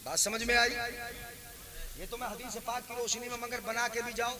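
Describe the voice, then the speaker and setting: A man preaching a sermon at a gathering, chanting his lines and shouting at the peaks, now and then scolding the crowd. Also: very high voice, little pitch movement, moderate pace. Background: crowd noise.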